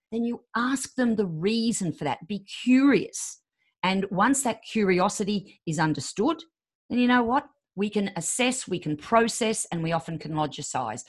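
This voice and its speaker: A woman in her fifties, a podcast guest giving relationship advice and acting out quoted voices. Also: on the low side. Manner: acts out quoted voices, emphatic.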